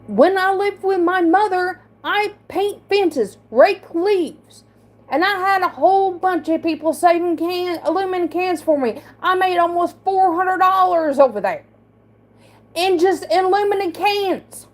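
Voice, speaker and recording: Woman with a slight speech impediment, very high voice, slow, halting and defensive, livestream talk. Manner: halting, repeats and restarts words, defensive. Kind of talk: emotional livestream monologue.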